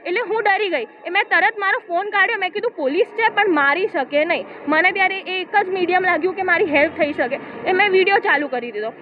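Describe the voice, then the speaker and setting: A woman giving a steady first-person account of an incident, quoting what was said to her. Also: very high-pitched, quick pace, few pauses. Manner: steady retelling, quotes dialogue. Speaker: complainant giving a statement. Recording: tinny phone-like audio with faint noise.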